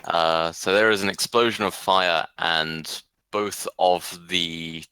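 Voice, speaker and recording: A man running a tabletop game as game master, narrating combat in plain, measured description. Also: deep voice, steady tone, sharp tone, smooth, no echo.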